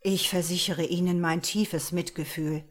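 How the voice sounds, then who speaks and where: A woman voicing a polite male replicant pallbearer who speaks with calm, formal, calculated courtesy. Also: fairly low pitch, measured pace. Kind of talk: audiobook character voice.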